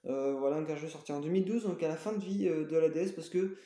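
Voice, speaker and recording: A man's voice: fairly high pitch, fast talker, dark tone, echoey room. A man showing his game collection in a casual, hesitant way, full of fillers and self-corrections. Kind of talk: casual show-and-tell.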